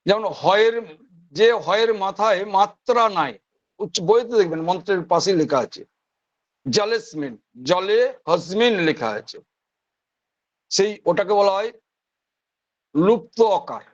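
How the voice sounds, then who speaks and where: A man with a West Bengal accent lectures in a high register, walking his students through each point in order. He sounds out individual syllables again and again to demonstrate pronunciation. The audio is dull and lo-fi, like an online class. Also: lively intonation, a little slow, long pauses. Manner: explains step by step, repeating single sounds to demonstrate pronunciation. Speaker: teacher of priestly rites.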